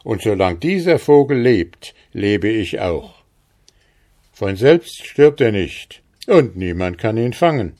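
Man doing a smug old guy in a fairy tale, low and slow, so sure of himself. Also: big pitch swings, dark tone. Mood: assured. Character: old man who cannot die, smug.

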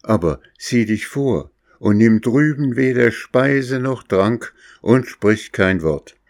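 A man voicing a kindly old grey fisherman in a fairy tale, slow and fatherly. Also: mid-range voice, lively intonation, gravelly, no room sound, clean studio sound, pitched above the performer's own voice. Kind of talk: storybook reading.

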